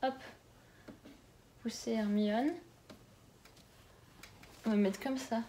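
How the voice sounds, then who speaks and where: A young woman chatting casually as she unboxes a book swap, gushing over each gift and muttering softly to herself in between. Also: on the high side, steady tone, extremely slow, slight background noise. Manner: gushing, exclamatory. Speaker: book vlogger.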